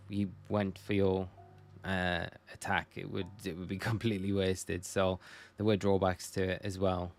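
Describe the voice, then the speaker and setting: A young man from Northumberland, chatting casually and rambling with viewers on a live stream. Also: deep voice. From Northumberland, England. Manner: chatty, rambling, self-correcting.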